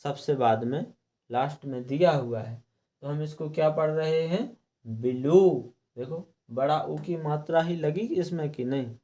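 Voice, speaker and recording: A man's voice: fairly high pitch, moderate pace, mellow. A middle-aged man teaching a lesson, repeating rules and asking questions that he then answers himself. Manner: repetitive, asks and answers his own questions. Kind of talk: classroom lesson explaining English pronunciation rules.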